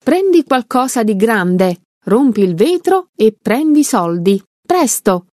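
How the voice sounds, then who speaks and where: A woman's voice: fairly high pitch, sing-song, slow, darkish tone, dry recording, studio quality. A woman voicing a hapless male bank robber in a read-aloud story. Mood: urgent.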